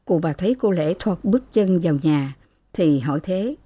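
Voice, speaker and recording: Woman, audiobook narrator, calm even reading, mellow tone, dry close sound. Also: fairly low pitch, normal speed, husky, no echo.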